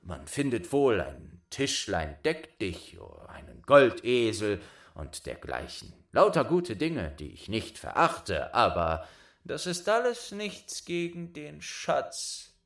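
A boastful young craftsman, as a male storyteller puts him on, pitched higher and louder than the narration. His voice rings out with a proud, lively lift and leaps around in pitch. The reading stays slow and deliberate. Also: full character voice.

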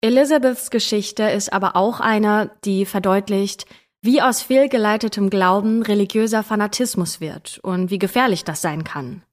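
A woman's voice: mid-range voice, moderate pace. A woman co-hosting a true crime podcast, telling the story dramatically and giving careful content warnings. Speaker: podcast co-host.

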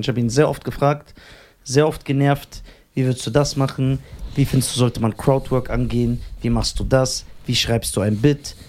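A man co-hosting a podcast, chatting casually in a teasing, rambling way with frequent laughter. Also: medium pitch. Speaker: podcast co-host.

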